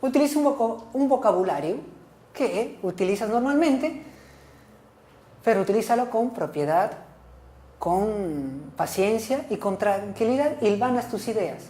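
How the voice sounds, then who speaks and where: A woman lecturing a class in an instructive, steady way, often pausing to check in with her listeners. She repeats and rephrases her key points. The voice sits in a middle range and rings in an echoey room. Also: mid-range voice. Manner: instructive, asks frequent checking questions like "¿ok?" and "¿sí?". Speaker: teacher.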